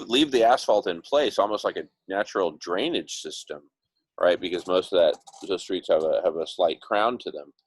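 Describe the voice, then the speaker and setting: A man with a fairly low voice hosts a casual online discussion. He rambles in an idealistic, enthusiastic way, repeating phrases for emphasis. He is speaking through earbuds on a video call. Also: poor audio. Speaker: host of an online group discussion. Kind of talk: casual, rambling visionary talk.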